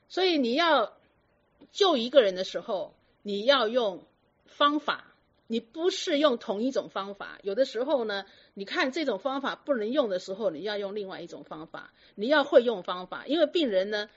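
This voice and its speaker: A woman telling stories about patients to an audience in a lively, lecturing way full of rhetorical questions. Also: a little high. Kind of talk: storytelling talk to an audience. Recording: dull lo-fi recording.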